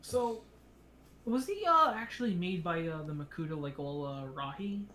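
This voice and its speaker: Halting young man, faint hiss. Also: high voice, lively intonation, bright, forceful tone, poor audio. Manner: halting, many fillers. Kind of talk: casual chat on a livestream.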